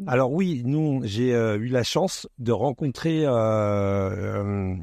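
A man guesting on a radio show, talking calmly about teamwork and family with some fillers. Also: mid-range voice, takes it slowly, dry recording, studio quality. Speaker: event organizer guest. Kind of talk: casual radio interview.

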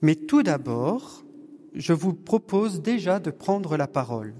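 Male parish evening leader, slightly high voice, very unhurried delivery, recorded in a reverberant hall. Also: sing-song. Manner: slow, measured and gently humorous. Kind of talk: leading a parish discussion evening. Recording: long hall reverb, distant room mic.

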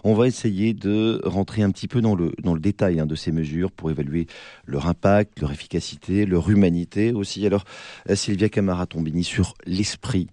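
A man with a French accent from France hosting a political debate, his gravelly, hollow voice hoarse from a cold. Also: deep voice, moderate pace, mellow, dry recording, studio quality. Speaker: debate show host.

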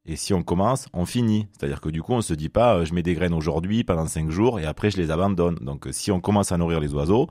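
A man's voice: deep voice, fast talker, few pauses, dry recording, studio quality. A man with a Perpignan accent, a gardening expert giving chatty advice on a radio phone-in, with lots of fillers. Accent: Perpignan French. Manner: lively, chatty, many fillers. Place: radio studio.

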